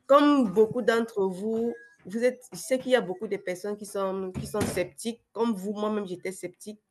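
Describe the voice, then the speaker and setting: Speaking at a moderate pace in a mid-range voice with a little hiss or hum, this young woman offers a casual testimonial on a video call webinar. She's a former client with a cold that affects her voice, and she hesitates often, using many fillers and restarts.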